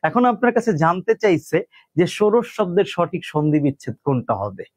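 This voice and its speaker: A man's voice: high voice, big pitch swings, a little fast, no echo. A young man with a colloquial Bangladeshi Bengali accent teaching a live online exam-prep class, explaining step by step, calling listeners "bhai" and reading out student names.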